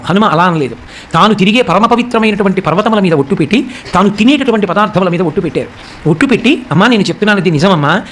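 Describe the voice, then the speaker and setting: A man giving a devotional discourse on a sacred epic. He recites verses slowly and explains them, and speaks the characters' lines in a softer voice. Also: high voice, a little hiss or hum. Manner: acts out the characters' speech in a softer voice.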